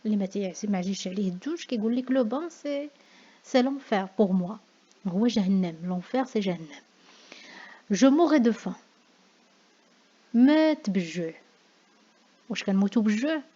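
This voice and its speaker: A woman's voice: medium pitch, expressive, quick pace, pauses often, mellow. Moroccan woman teacher, lo-fi sound. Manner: switches into Moroccan Arabic to explain, asks "d'accord?" often. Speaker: French teacher. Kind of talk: classroom lesson on figures of speech. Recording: dull lo-fi sound.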